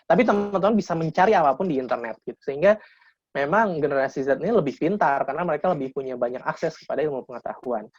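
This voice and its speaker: A man's voice: on the high side, expressive, quick pace, a little hiss or hum. A man in his thirties giving a casual webinar talk to young people, lecturing informally with frequent restarts. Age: 30s. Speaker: guest speaker. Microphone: video call. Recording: dull lo-fi video call audio.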